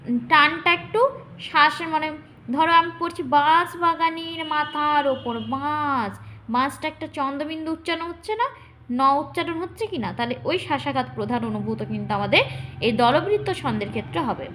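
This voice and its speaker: A woman teacher explaining poetic meter to students, speaking to them directly and drawing out syllables slowly to demonstrate. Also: sits high, fairly bright tone, slight background noise. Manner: addresses students directly, checking understanding.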